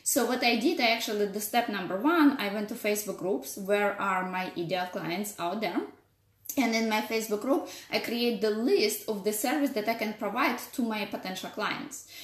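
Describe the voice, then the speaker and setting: Speaking at a normal pace in a mid-range voice, a thirtyish woman with a heavy Russian accent hosts a casual live stream as a business coach, welcoming viewers amid many filler words. She's in a home office, and the room sounds echoey with a little faint noise.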